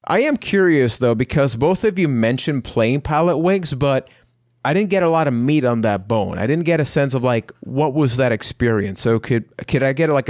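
A man's voice: mid-range voice, a little mellow, no room sound, clean studio sound. A man from Puerto Rico hosting a casual podcast, upbeat and playful, joking with his co-hosts. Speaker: podcast host.

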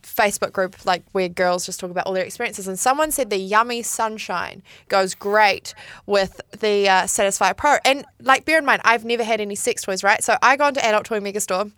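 A woman's voice: medium pitch, fairly quick, fairly bright tone, dry recording. A woman co-hosting a podcast, chatting candidly and casually in a gushing, exclamatory way. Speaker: podcast co-host.

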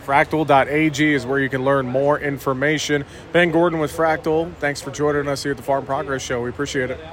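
A man's voice: medium pitch, steady tone, a little fast, a crowd in the background. A man conducting a conversational, polite broadcast interview on location at a farm show. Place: outdoors at a busy farm trade show.

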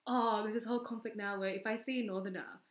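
A woman's voice: medium pitch, fairly even intonation, quick pace. Young woman, casual chat, lots of fillers, echoey room. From family from central Vietnam. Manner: explains at length with many fillers.

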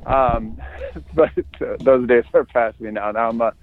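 A man's voice: medium pitch, unhurried, narrow, tinny audio. A laid-back man from the United States, casually telling a story on a podcast and chuckling as he goes. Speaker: podcast co-host.

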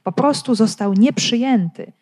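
A woman reading and explaining a Bible passage in a thoughtful, explanatory way, pausing often to find her words. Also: a little high, darkish tone. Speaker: Bible commentator.

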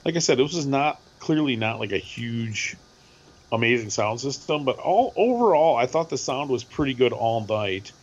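A middle-aged man with a hoarse voice, co-hosting a podcast and telling a rambling, animated story with lots of repeats. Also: mid-range voice, normal speed, muffled recording. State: hoarse from screaming at a concert. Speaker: podcast co-host. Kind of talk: casual chat.

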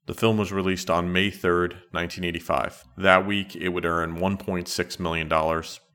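A middle-aged man hosting a solo retro podcast in a measured, conversational, matter-of-fact way. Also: sits low, level tone, bright, forceful tone, slight background noise. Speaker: podcast host.

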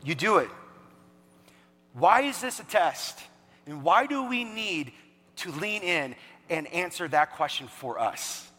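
Animated preacher in a reverberant hall. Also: male voice, high-pitched, measured pace. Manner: animated, conversational preaching with acted-out dialogue. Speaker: pastor. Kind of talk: sermon. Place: church hall. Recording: echoey hall with long reverb.

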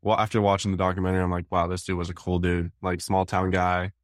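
Teen male podcast guest, quick and monotone, easygoing and halting. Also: sits low, no echo, studio quality. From New England. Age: teens. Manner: laid-back, hesitant, restarts often. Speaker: guest, baseball prospect. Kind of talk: casual podcast chat.

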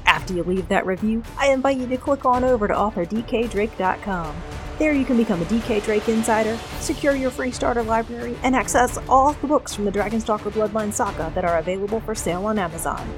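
A woman's voice: fairly high pitch, fast talker. A woman podcast host speaking a scripted closing message straight to her listeners. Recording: faint background music.

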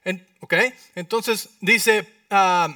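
A man preaching a sermon as pastor, lively, often asking the congregation questions. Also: high-pitched, drawn-out words, no echo. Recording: dry sound, mic at a distance.

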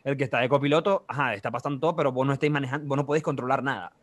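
A young man in his twenties with a Venezuelan accent, telling a story in casual chat, animated and full of slang and sound effects. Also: mid-range voice, very fast.

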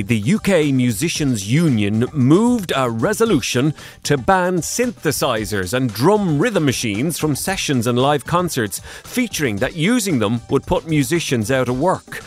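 A man hosting a music history podcast, narrating casually with wry asides. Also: medium pitch. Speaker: podcast host.

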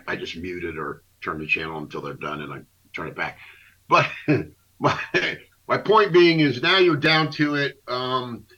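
A man co-hosting a radio show, ranting casually about sports in an animated, indignant, rambling way. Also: mid-range voice, slightly rough. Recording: dull lo-fi internet radio.

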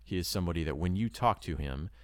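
Sitting beside his wife, an earnest, deep-voiced man talks casually to the camera about moving abroad as a missionary. He speaks quickly and expressively in loose, rambling sentences full of hedges. The recording is dry and close.

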